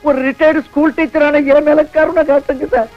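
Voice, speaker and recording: Older retired teacher, pleading, high voice, lo-fi. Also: male voice, little pitch movement, brisk, faint music behind. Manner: pleading, earnest. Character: pleading retired male schoolteacher. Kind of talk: dubbed film dialogue. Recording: dull lo-fi film audio.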